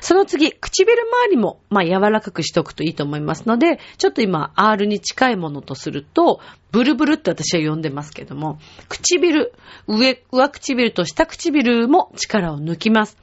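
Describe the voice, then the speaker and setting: A woman's voice: mid-range voice, big pitch swings, normal speed. A woman teaching a vocal lesson, patiently explaining and demonstrating sounds for her listeners to copy. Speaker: singing teacher. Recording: dull lo-fi web show audio.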